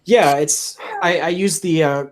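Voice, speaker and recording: A man's voice: fairly high pitch, a little slow. A man hosting a podcast, chatting casually and explaining his points with examples. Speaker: podcast host. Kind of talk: casual chat.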